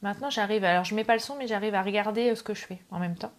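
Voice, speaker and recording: Speaking rapid-fire in a mid-range voice, a middle-aged woman hosts a laid-back craft livestream from a camera on a tripod. She chats with her audience, says hello to viewers by name between steps and makes jokes at her own expense.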